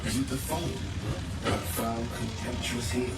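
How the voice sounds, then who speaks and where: An actor playing a stately magical automaton in a video game, declaiming verse in a formal, theatrical manner. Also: male voice, mid-range voice, flat delivery, a little slow, close to an everyday voice. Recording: echoing, distant, loud music behind.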